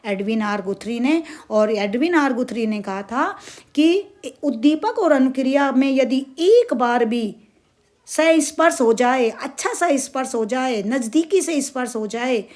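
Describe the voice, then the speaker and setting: A woman's voice: high voice, animated, unhurried, darkish tone. A woman teacher with a north Indian accent giving an exam-prep lecture, asking questions and answering them herself, repeating key terms and using everyday stories. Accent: Hindi, north Indian. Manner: uses everyday stories and dramatic asides.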